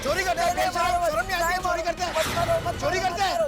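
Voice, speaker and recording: An actor playing an angry man in a crowd who shouts and scolds while chasing a young thief in a sitcom scene. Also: very high-pitched, normal speed. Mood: angry shouting. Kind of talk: sitcom acting. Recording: background music under dialogue.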